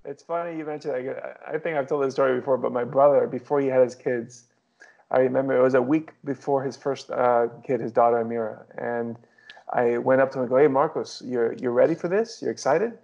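A man telling an anecdote in a casual chat, lively and acting out the dialogue. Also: mid-range voice, brisk, creaky, muffled recording. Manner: lively storytelling with acted dialogue.

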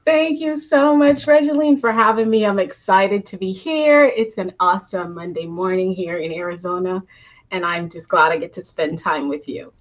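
A woman originally from Guyana, appearing as an interview guest, describes her journey as a coach in conversational answers. Her mid-range voice moves at a moderate pace, animated and story-driven with easy laughter, over somewhat dull, lo-fi call audio.

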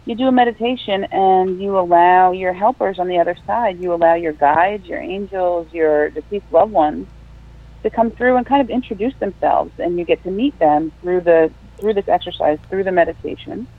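A woman's voice: on the low side, normal speed. A middle-aged woman explaining things conversationally as an interview guest. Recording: tinny phone-line sound.

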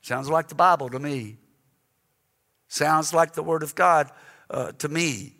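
A man's voice: a little high, unhurried, gravelly, pushed and bright. A man preaching a sermon in a church, telling a story earnestly and often repeating words when he is moved. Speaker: guest preacher. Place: church sanctuary. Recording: long reverb of a large hall.

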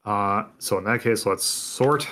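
A man hosting a casual podcast, talking in a relaxed, rambling way with plenty of fillers. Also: lowish voice, unhurried. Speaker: podcast host. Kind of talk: casual chat.

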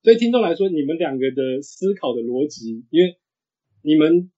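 A man in his thirties with a husky voice, chatting casually as a sports podcast guest. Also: on the high side, sing-song, moderate pace, mellow. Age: 30s. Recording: dull, lo-fi audio.

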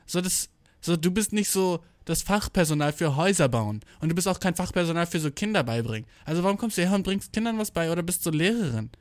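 A young man rants in a loose, rambling way, full of slang and cursing, often acting out what he and others said. His voice sits a little high for a man and the sound is dry and close, with no room around it. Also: lively intonation, quick pace, no echo. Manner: rambling, heavy slang and swearing, quotes himself. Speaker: vlogger. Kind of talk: casual slangy monologue. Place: indoors, travelling abroad.

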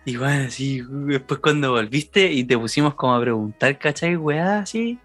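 A young man with a Chilean accent, telling a story in casual slangy chat, animated and often laughing. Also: medium pitch, normal speed, husky, dry recording, soft background music. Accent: Chilean Spanish.

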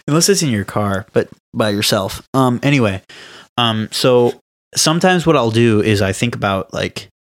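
A man's voice: mid-range voice, lively intonation, moderate pace. A young man co-hosting a casual podcast at home, rambling with lots of "like" and restarts. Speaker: podcast co-host. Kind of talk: casual chat.

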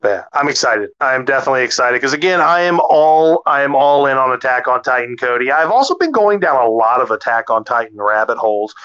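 A man co-hosting a casual podcast chat, excitable, swearing freely and stumbling over his words. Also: mid-range voice, fairly quick, hardly any pauses, highs cut off. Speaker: podcast co-host.

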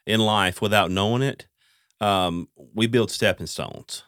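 A man's voice: on the low side, unhurried, fairly bright tone, no echo, studio quality. A man hosting a podcast, chatting casually with fillers and restarts. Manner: conversational, lots of fillers and restarts. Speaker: podcast host. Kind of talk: casual interview chat.

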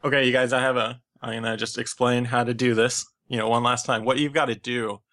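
Man, bright forceful voice, joking and playful, mid pitch. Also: little pitch movement, brisk. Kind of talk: casual gaming podcast chat.

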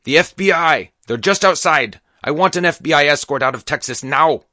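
A frantic male doctor with a foreign accent, his voice pushed up high and shrill as he screams and demands, put on by a male narrator. The timbre shifts away from the reader's own deep voice, and the recording is dry and close. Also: expressive, fairly quick, sharp tone, dry recording. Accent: foreign accent, unplaced.

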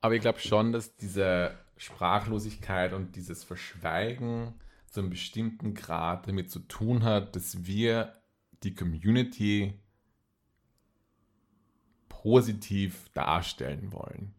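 Austrian guy, really low voice, casual personal interview talk, kinda emphatic. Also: takes it slowly. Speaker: interview guest.

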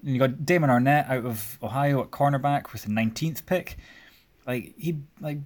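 A man's voice: mid-range voice, moderate pace. Chatty young man hosting a sports chat. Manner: chatty, rambling with fillers. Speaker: podcast host.

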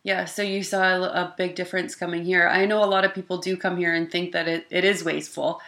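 A woman's voice: lowish voice, level tone, fairly quick, fairly bright tone. Friendly woman podcast host. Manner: friendly, chatty, encouraging. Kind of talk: casual interview chat.

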